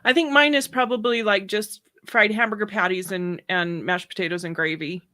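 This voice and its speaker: A woman hosting a casual cooking interview, chatty and quick to laugh as she asks questions. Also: medium pitch, steady tone, bright, forceful tone, no room sound, clean studio sound. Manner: giggly, chatty, upbeat. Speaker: host of a cooking channel.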